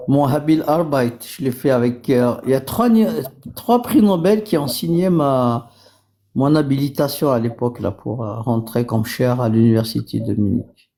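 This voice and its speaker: Halting older man with a dark voice. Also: mid-range voice. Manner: halting, repeats words, switches between French, English and German. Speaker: guest on a live stream. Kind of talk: casual chat.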